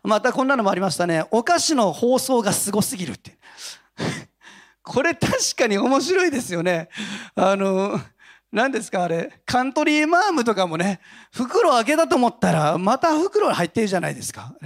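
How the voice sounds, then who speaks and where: A male pastor giving a conversational Sunday sermon, telling stories in an animated way and chuckling often. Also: sits high, normal speed. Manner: animated storytelling with frequent chuckles.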